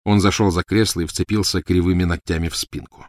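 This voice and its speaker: A man narrates an audiobook in a low, measured voice. The recording is dry and close. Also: fairly even intonation, no room sound.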